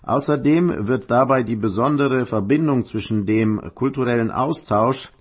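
A man with a lowish, husky voice presents a radio programme. He reads scripted news as the host and newsreader.

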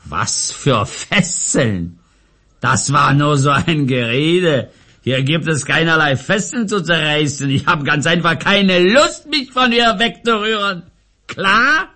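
A man plays a stubborn, sarcastic fellow in a radio play. His voice is husky and he talks slowly, his pitch swinging widely as he mocks. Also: expressive, bright, forceful tone, full character voice. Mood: defiant. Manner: mocking, drawn-out delivery. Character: stubborn sardonic man, rooted to one spot.

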